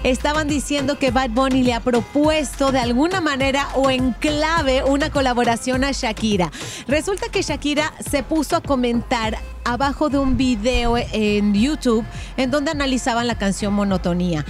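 A woman presents gossip on live radio in a high voice. She chats casually, with music playing clearly behind her. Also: moderate pace.

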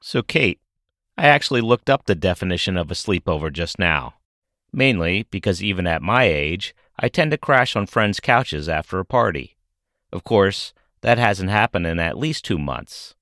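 A man's voice: deep voice, a bit bright, no room sound, studio quality. A middle-aged man hosting a podcast, reading scripted narration with a wry, self-deprecating manner. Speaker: podcast host.

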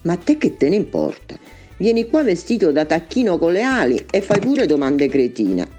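A woman's voice: lowish voice, sing-song, moderate pace, dark tone, husky, soft background music. A woman voicing a brash, sarcastic young woman in a comic reading. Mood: cheeky. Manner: cheeky, sarcastic. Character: brash, mouthy young woman who wants to be on TV.

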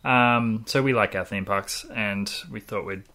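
A podcast host with an Australian accent speaks in a medium-pitched voice. The style is casual co-hosted chat with a playful, jokey manner. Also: measured pace, pushed and bright.

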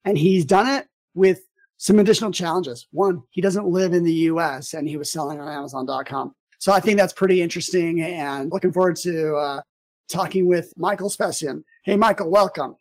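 A man's voice: a little high, moderate pace. A man hosting a podcast, talking casually with plenty of fillers and restarts. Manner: chatty, lots of fillers and restarts. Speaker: podcast host. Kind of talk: casual interview.

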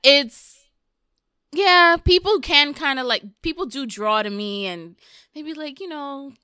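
A woman in her thirties co-hosting a casual podcast chat, animated and laughing often. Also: measured pace, dry recording, clean studio sound. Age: 30s. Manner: animated, swings high when excited, laughs often. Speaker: podcast co-host.

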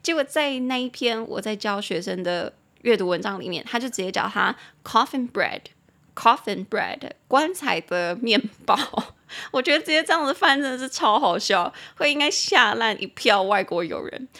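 A young Taiwanese woman hosting a casual English lesson podcast, chatty and laughing often, slowing down to repeat and spell English words. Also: a little high, bright, forceful tone. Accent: Taiwanese Mandarin. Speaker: English teacher and podcast host.

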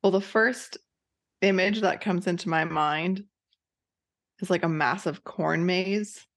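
A woman co-hosting a podcast in casual chat, talking in a lively way and laughing easily. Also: fairly low pitch, slow pace. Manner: chatty, laughs easily, animated storytelling. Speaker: podcast co-host.

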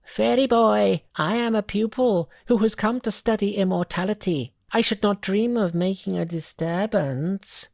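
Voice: medium pitch, unhurried, vocal fry, hardly any pauses, darkish tone, dry recording, studio quality, pitched above the performer's own voice. A storyteller voicing an eager, humble male monkey who has come to study immortality, earnest and polite.

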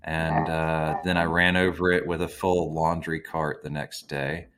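A man with a very low voice hosts a relaxed podcast conversation. He rambles easily, filling gaps with ums and throwing in casual swearing. Faint music sits low behind him. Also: a little slow. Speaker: podcast host. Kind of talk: casual chat.

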